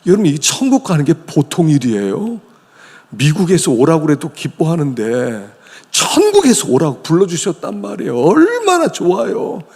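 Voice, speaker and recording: A man, a senior pastor, preaching a sermon in a church sanctuary with animated storytelling. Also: on the high side, moderate pace, breathy edge. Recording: long church-hall reverb.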